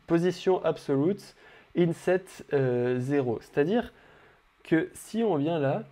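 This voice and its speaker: A young man with a fairly high, dark-toned voice speaks slowly but animatedly, guiding viewers through building an interface in a casual screen-recorded coding tutorial. He talks straight to the viewer and uses frequent fillers.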